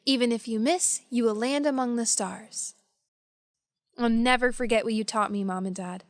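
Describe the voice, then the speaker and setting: A woman speaking slowly and carefully in a scripted beginner English dialogue. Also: mid-range voice, no echo, clean studio sound.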